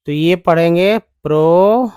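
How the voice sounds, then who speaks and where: Slow, patient male English tutor. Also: fairly high pitch, darkish tone, clear, resonant tone, dry recording. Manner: drawn-out, repeating each word for the learner. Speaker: English teacher. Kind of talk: slow spelling-out lesson.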